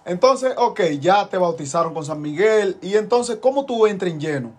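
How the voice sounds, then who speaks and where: Hombre de voz alta de tono, entrevistando en tono casual, con exclamaciones y preguntas cortas. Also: male voice, high-pitched, expressive, normal speed, darkish tone, slightly rough. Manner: reacts with exclamations and short questions. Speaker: interviewer. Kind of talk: casual interview.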